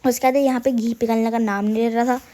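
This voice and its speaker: Young woman, sore throat, high-ish voice, playful self-mocking vlog voice-over. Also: steady tone, fast, dark tone. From Uttarakhand hills, India. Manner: chatty, self-mocking, addresses viewers as guys. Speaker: vlogger. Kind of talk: casual voice-over narration.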